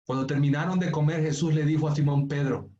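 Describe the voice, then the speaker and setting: A man from Bolivia preaching as a pastor, turning from hushed, tender storytelling to emphatic pleading. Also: a little high, steady tone, quick pace, highs cut off. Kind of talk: sermon.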